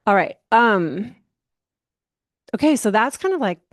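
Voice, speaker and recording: A woman astrologer giving a casual monthly horoscope talk, rambling and relaxed, with many fillers and soft laughs. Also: on the high side, measured pace, dry recording, clean studio sound. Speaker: astrologer host.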